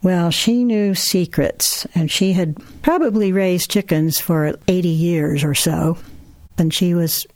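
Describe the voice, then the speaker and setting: A female author and guest answers radio interview questions and reads excerpts aloud, spinning stories with the occasional laugh in a warm manner. Her voice is lowish and slow, and there is no echo.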